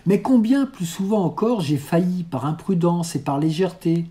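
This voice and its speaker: Mellow-voiced reader of a classic novel. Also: mid-range voice, moderate pace. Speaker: audiobook reader. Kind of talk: reading a classic novel aloud.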